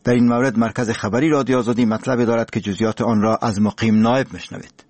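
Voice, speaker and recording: A man's voice: mid-range voice, steady tone, darkish tone, dry recording. A man with an Afghan Dari accent presenting a radio programme in a solemn, formal announcing style.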